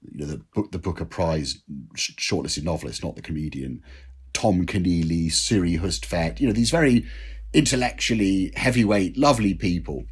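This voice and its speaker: A man's voice: low-pitched, expressive, moderate pace, breathy edge. A man, a drinks writer, telling self-deprecating anecdotes as a guest in an interview. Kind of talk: interview storytelling.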